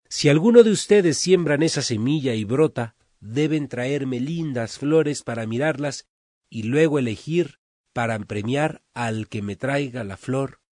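A man's voice: mid-range voice, darkish tone, no room sound, studio quality. A man preaching a sermon, telling a story in an earnest, emphatic way.

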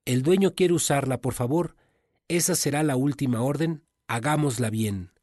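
A man's voice: mid-range voice, normal speed, darkish tone, no room sound, clean studio sound, lightly acted. A man voicing an earnest young male servant who pleads with his coworkers.

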